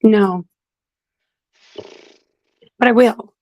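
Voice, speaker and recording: A woman's voice: fairly high pitch, drawn-out words, darkish tone, no room sound. A woman co-hosting a podcast from home in casual chat, blunt and teasing, swearing freely, her voice a little strained. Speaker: podcast co-host. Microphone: streaming setup.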